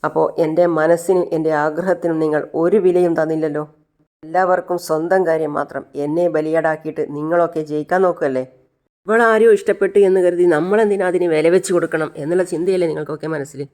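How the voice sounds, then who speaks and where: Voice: mid-range voice, steady tone, fast, a little mellow, natural voice. Narrator voicing a bitter defiant young bride. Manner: accusing, sarcastic.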